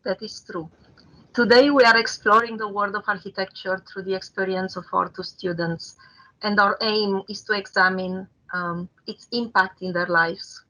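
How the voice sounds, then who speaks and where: A woman's voice: medium pitch, fairly even intonation, normal speed, bright, forceful tone, rough recording. A woman who heads a university's architecture programs, co-hosting a panel in a polished, gracious manner.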